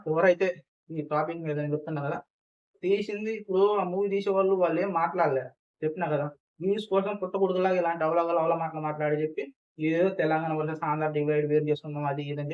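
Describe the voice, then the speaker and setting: Fast heated guy ranting at viewers, kinda high voice, dull lo-fi audio. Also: steady tone. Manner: heated, repetitive, lecturing. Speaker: YouTube commentator. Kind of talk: reaction commentary.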